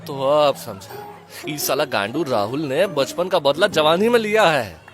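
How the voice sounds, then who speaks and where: A man voicing a crude, excitable young man who swears freely in an audio drama. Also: on the high side, unhurried, faint music behind. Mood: excited. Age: young adult.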